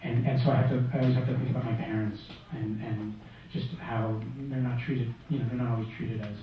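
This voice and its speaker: A man from Russia answering on a literary panel in a bookstore, speaking thoughtfully with halting restarts. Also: mid-range voice, little pitch movement, dull audio, background noise. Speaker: panelist, writer. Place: bookstore event room. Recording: echoey room from far off.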